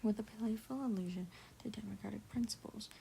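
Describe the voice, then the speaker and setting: A woman reading a classic novel in a soft ASMR whisper, often stumbling over words, correcting herself and breaking off for chatty asides. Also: mid-range voice, brisk, creaky, slight background noise, poor audio. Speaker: ASMR book reader.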